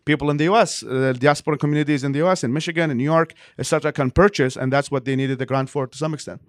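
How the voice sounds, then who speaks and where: A nonprofit leader from Iraq, appearing as an interview guest, talks quickly and at length, reworking his sentences as he explains. His voice is a little high and steady in tone, and the close, dry recording has no room sound around it.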